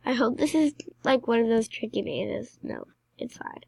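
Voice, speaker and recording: A woman giving casual, excitable commentary while playing a game, chatty and dropping into mumbled asides. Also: fairly high pitch, normal speed, gravelly, husky, no echo. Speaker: gameplay commentator.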